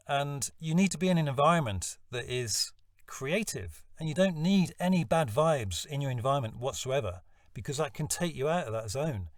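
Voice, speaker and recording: A man's voice: mid-range voice, no echo. Brief: male vlogger, self-deprecating storyteller, distant dry mic. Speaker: voice-over hopeful vlogger. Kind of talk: personal storytelling vlog.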